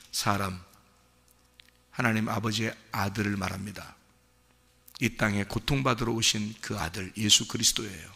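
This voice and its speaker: An impassioned male pastor delivers a sermon in a church sanctuary, his voice swinging between hushed passages and loud outbursts. His tone is bright and forceful with a gravelly edge. A long reverb trails every phrase. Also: lowish voice.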